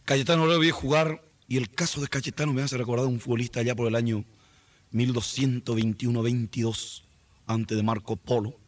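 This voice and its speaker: A man playing a press conference moderator in a comic sketch, fussily pleading for calm and order. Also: medium pitch, normal speed, no echo.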